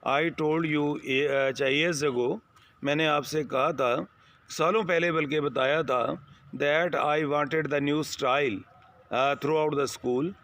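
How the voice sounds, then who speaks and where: Teacher guy, slow and a bit high, reads a line then piles on synonyms, calls students "my son". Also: a bit bright. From Pakistan. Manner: reads English phrases slowly, then glosses them in Hindi-Urdu with many synonyms; addresses students as "my son" and "sir", with frequent fillers. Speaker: English teacher. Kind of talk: classroom lecture explaining a text line by line.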